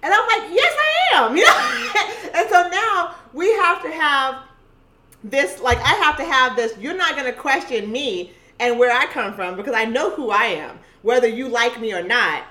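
Bright, animated woman in casual talk. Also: high-pitched, normal speed. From Costa Rica. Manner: animated, emphatic, with frequent restarts. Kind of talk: casual conversation.

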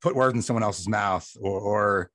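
A man's voice: lowish voice, moderate pace, a bit bright, no room sound. A man hosting a podcast, chatting casually in an easygoing, agreeable way. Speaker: podcast host.

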